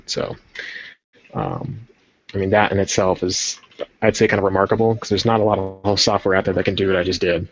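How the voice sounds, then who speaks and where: A man's voice: low voice, steady tone, brisk, a little hiss or hum. A man hosting a casual livestream, chatting in a rambling way while he paints a model. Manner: rambling, chatty, self-interrupting. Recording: dull lo-fi stream audio.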